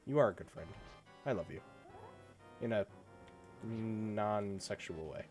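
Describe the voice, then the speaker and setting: Male game streamer, sick, self-mocking, very animated pitch. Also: normal speed, soft background music. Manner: groaning, self-mocking complaints. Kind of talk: casual game-stream chat.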